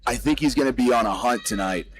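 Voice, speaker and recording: A man giving analytical live MMA commentary in measured phrases. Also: medium pitch. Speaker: fight commentator.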